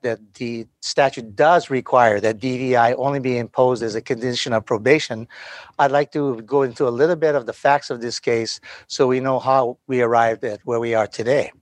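A man speaking as an attorney in formal legal argument, with halting, choppy phrasing. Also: mid-range voice, fairly even intonation, dry recording. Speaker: defense attorney arguing an appeal.

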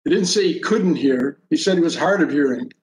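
Guy lawyer making an oral argument, highish voice, echoey room, bit of noise. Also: expressive, fairly quick. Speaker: defence lawyer arguing in court. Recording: roomy, faint background noise.

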